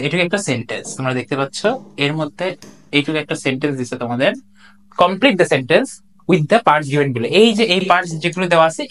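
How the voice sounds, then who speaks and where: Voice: medium pitch, a bit bright. An English tutor, recording an exam-solution lecture, working through answers step by step with many rhetorical questions and frequent checks that students follow. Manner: reads English sentences out slowly and deliberately. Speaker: English tutor for admission exams.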